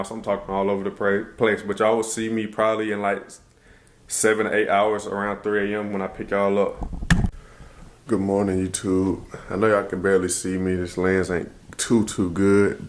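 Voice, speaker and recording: A young man vlogging casually to his phone camera, rambling loosely with slangy speech and thinking out loud as he corrects himself. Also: on the low side, a little hiss or hum. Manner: laid-back slangy speech. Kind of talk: casual vlog talk to camera. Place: at home, then in a car before dawn.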